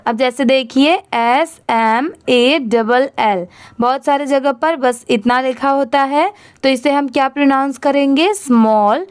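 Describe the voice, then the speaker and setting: In an unhurried spelling lesson, an Indian woman reading teacher goes through each word one letter at a time. With her smooth, high voice, she quizzes on the pronunciation and supplies the answer herself.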